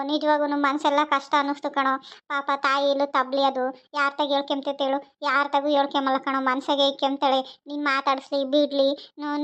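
A woman's voice: high voice, fairly bright tone. A woman playing a sarcastic but caring older village mother, in a wry, sing-song complaining manner, for an amateur family skit. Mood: tender. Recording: slightly dull lo-fi sound.

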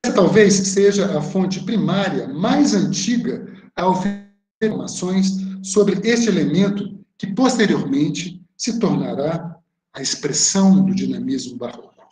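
A man with a Brazilian Portuguese accent and a fairly high, slightly mellow voice gives an art history lecture on a video call from a room at home, sharing slides. He speaks in an animated, unhurried way, first reading a prepared text, then explaining the slides with some hesitant fillers. The roomy audio comes through a webcam or laptop mic, with slight background noise.

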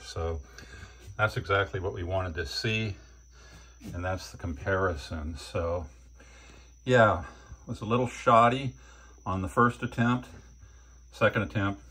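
Low, husky-voiced older man reviewing gear. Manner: relaxed, plain-spoken, with fillers. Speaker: channel host reviewing batteries. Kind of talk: casual hands-on product review. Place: indoor workbench.

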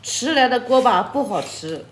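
A woman's voice: fairly high pitch, animated, normal speed. A woman hosting a livestream as she eats, chatting casually and teasing her viewers with frequent laughs. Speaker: livestream host. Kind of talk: casual chat while eating on a livestream. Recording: echoey room with faint noise and clattering dishes.

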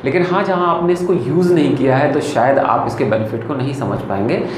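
A man's voice: medium pitch, fairly quick. A man in his thirties, a psychologist, explaining clothing advice casually to camera from a small clinic room. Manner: explanatory, gestures a lot with his hands. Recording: echoey room with faint ambient noise.

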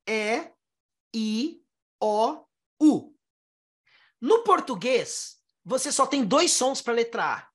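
A fairly high-pitched teacher from Brazil walks her students through English vowel sounds. Her voice swings widely in pitch as she sounds out words syllable by syllable. She keeps asking the class questions to hold their attention. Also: a bit bright. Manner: explains step by step, sounding out syllables slowly; asks the listener rhetorical questions. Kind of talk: classroom lesson explaining pronunciation.

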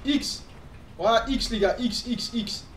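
While playing on stream at home, a young native Dutch speaker from Antwerp, Belgium, chats with his audience and answers chat, full of fillers and restarts. His very high-pitched, slightly bright voice moves slowly, and the indoor recording is reverberant with a little hiss or hum.

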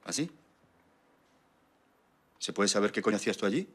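A man's voice: on the low side, animated, normal speed, a bit bright, slightly rough. An actor playing a violent, abusive middle-aged father in a film drama, menacing one moment and screaming in rage the next.

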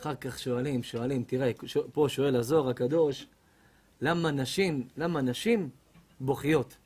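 A man's voice: mid-range voice, slightly rough. A man giving a humorous sermon as a rabbi, telling stories animatedly and acting out other people's voices. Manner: animated comic storytelling, acts out women's voices.

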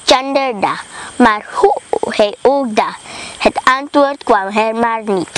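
Brief: female storybook reader, unhurried, measured delivery, slightly high pitch. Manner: slow, careful reading. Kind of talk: reading a children's story aloud.

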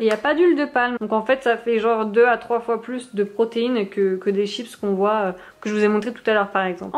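A young woman chatting casually through a shopping haul vlog at home, with many fillers and small laughs. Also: fairly high pitch. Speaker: vlogger. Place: at home, moving to the kitchen.

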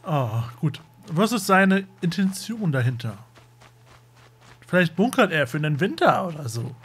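A let's play host comments casually on his game in a joking, slangy way. His voice sits high for a man and swings around lively. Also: a little slow, breathy edge.

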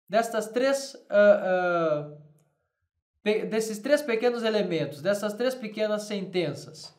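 A man gives a grammar lesson at an unhurried pace. His voice sits high, and it rings in a roomy, echoing space. He repeats each form and keeps checking that his listeners are following. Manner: slow and deliberate, repeating forms and checking with "tá?". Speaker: Latin teacher.

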